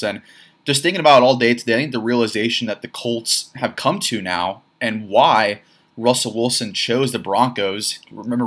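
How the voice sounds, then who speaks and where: A man hosting a sports podcast alone, reacting animatedly with quick repeated phrases and laughing asides. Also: fairly low pitch, fairly bright tone. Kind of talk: solo sports podcast commentary.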